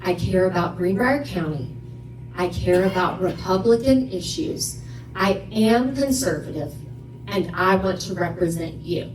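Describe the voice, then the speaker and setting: A woman's voice: fairly low pitch, darkish tone, a little hiss or hum. Woman candidate, firm and direct, echoey room, far off the mic. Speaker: local candidate. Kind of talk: campaign speech.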